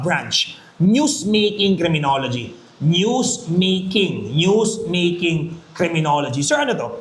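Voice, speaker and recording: Man, high pitch, emphatic jokey review lecturer, echoey classroom. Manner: emphatic, jokey, keeps asking "Maliwanag?". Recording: echoey room.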